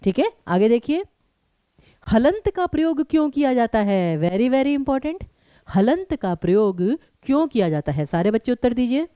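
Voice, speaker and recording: A woman teaching a live exam-prep class. Her voice is mellow and rather high, and it swings widely as she talks straight to her students. The recording is dry and close. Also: moderate pace, smooth, no room sound. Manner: animated, addresses students directly.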